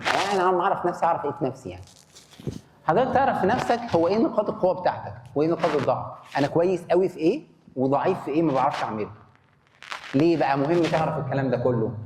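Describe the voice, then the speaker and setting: Man, Egyptian Arabic accent, conference lecturer, quick pace, asks and answers his own questions, echoey hall, faint background noise. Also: on the high side. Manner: animated, asks the audience questions and answers them. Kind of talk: conference talk.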